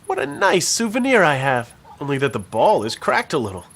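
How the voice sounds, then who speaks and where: Sarcastic young detective, high voice, very animated, game voice. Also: male voice, a little fast, husky, heavily acted. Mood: wry. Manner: dry sarcastic asides. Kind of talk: game voice acting.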